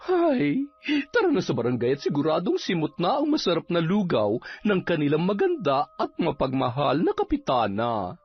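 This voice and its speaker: A man's voice: on the high side, huge pitch swings, moderate pace, slightly rough, voice pushed up, heavily acted. A man putting on a two-faced village captain woman. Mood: scheming. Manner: sugary in public, sneering in private. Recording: slightly dull recording with music underneath.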